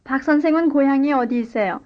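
A woman reading a scripted language-lesson dialogue and drill answers in clear, careful model sentences. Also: high-pitched, fairly quick, lo-fi sound. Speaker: language course speaker.

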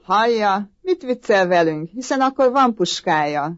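Woman playing an impatient city army officer, barks orders, higher and louder than her narration, dull dry audiobook. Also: lively intonation, no room sound, close to an everyday voice. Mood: irritated. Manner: brusque, commanding, raised voice. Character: impatient, bossy three-star army officer from the capital.

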